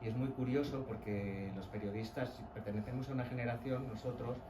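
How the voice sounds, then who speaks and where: A man's voice: mid-range voice, steady tone, fairly quick, echoey room, distant mic, background noise. A man from Spain with a slight La Mancha accent, the author, speaking thoughtfully at a book presentation. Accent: Castilian, from La Mancha. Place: event venue.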